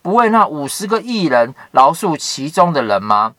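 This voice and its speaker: A man's voice: fairly high pitch, sing-song, moderate pace, a bit bright, no room sound. Man doing an old patriarch, eager and pleading, Bible storytelling, dry recording. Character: generous old male patriarch, eager host.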